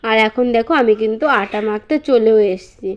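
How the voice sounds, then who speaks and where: A woman's voice: fairly high pitch, fairly even intonation, brisk, dull audio. A young woman, a mother chatting casually to her vlog viewers at home with lots of fillers. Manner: chatty, many fillers, baby talk to her child.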